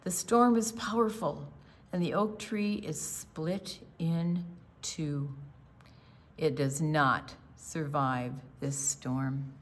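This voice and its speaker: This low-pitched woman is reading a picture book to young children. She takes her time, reads with lots of expression, and chats casually about the pictures along the way.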